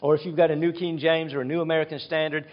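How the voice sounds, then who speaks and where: A man's voice: fairly high pitch, little pitch movement, racing, lo-fi sound. A man preaching an earnest, reflective sermon in a church, retelling scripture scenes. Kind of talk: expository sermon. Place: church with a screen behind him.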